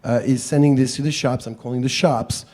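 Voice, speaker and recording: A man with a French accent talks to a public panel in a soft-edged, mellow tone. His delivery is chatty and self-deprecating, like an activist explaining things informally. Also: mid-range voice, steady tone, brisk. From France. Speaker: panel speaker, wildlife activist.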